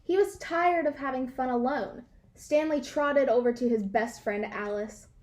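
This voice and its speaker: A high-pitched woman reads a children's storybook a little slowly, in an expressive, animated read-aloud style that leans on key words for emphasis.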